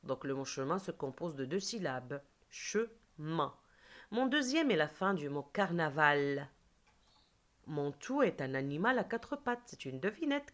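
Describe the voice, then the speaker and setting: A woman teacher leading a reading lesson for children, speaking slowly and clearly and stretching out words. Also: deep voice. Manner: slow, clear, lively teacher voice, drawing out words.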